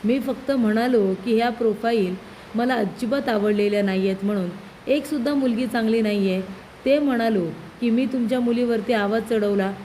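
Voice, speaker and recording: A woman's voice: on the high side, moderate pace, warm tone, a little hiss or hum, close to an everyday voice, low-quality recording. A woman reading out the lines of an impatient, scolding middle-aged family man. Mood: irritated. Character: bossy middle-aged male household head.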